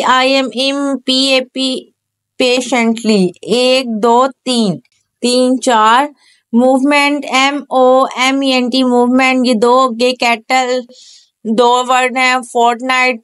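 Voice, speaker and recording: A woman's voice: high voice, fairly bright tone, smooth. A woman teacher with a Pakistani Urdu accent, giving an online English lesson. She reads out English lines, translates them, and spells the words out letter by letter.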